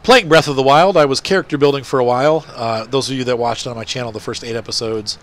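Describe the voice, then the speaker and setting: Playing a farming game for his channel, a middle-aged man with a congested nose chats quickly in a mid-range, fairly bright voice. A little hiss or hum sits underneath, and his talk is rambling and full of fillers.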